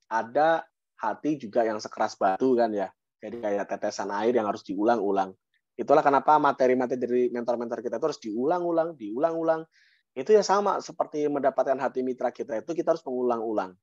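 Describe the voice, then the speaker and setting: Animated Indonesian man mentoring online. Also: mid-range voice, quick pace, no echo. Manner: lively, with sudden rises and repetition for emphasis. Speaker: guest speaker, business mentor. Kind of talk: motivational talk on an online meeting. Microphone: online call microphone. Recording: dry, dull online-call audio.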